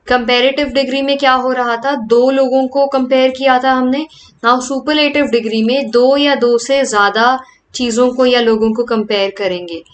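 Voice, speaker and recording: A woman teaching a grammar lecture, reading example sentences slowly and then explaining them more quickly in Hindi. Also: sits high, steady tone, highs cut off, slight background noise.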